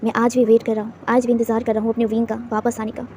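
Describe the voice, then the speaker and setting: A woman's voice: high-pitched, fairly even intonation, quick pace, warm tone, slight background noise. A woman voicing a lovesick young male boss who stammers and pleads through tears, in a storybook reading. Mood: quiet grief.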